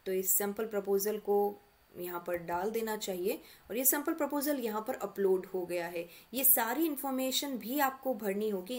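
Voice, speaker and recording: A woman mentor walking students through an online course portal in a patient, step-by-step tutorial. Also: mid-range voice. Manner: patient step-by-step explaining, addresses students directly. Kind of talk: screen-recorded tutorial walkthrough.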